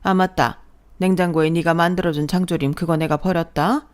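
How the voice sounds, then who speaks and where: A woman's voice: on the low side, steady tone, brisk, close to an everyday voice. A woman voicing a nagging, sarcastic older mother-in-law who scolds as she speaks. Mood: scolding.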